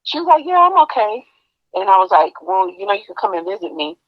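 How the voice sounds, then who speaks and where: Husky-edged woman sharing testimony, lo-fi. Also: medium pitch, very animated, no echo. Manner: halting, repeats words, emotional. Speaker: guest. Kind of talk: personal testimony in an interview.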